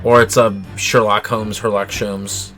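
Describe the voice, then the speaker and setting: Give me an animated streamer joking and swearing with friends, game music faint behind. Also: mid-range voice, unhurried. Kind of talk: casual chat.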